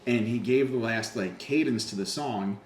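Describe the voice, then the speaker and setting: A man's voice: mid-range voice, moderate pace, a little hiss or hum. A man hosting a podcast, telling stories in casual chat, swearing freely and acting out what others said. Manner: animated storyteller, swears often, acts out quotes. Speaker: podcast host. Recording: echoey room, faint ambience.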